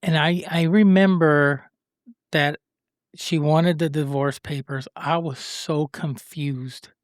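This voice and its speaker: A man's voice: fairly high pitch, steady tone, takes it slowly, no room sound, clean studio sound. A man from Rico, hosting a podcast and earnestly telling a personal story, rambling and acting out what people said. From Puerto Rico. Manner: earnest, rambling, acts out the voices of people he quotes. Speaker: podcast host.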